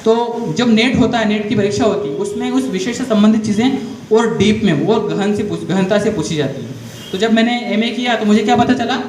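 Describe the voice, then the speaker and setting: A man whose voice sits high and a little mellow speaks briskly to school students, offering motivational career guidance. His style mixes storytelling with step-by-step explanation and lots of direct questions to the audience. The space is echoey, with a little background noise.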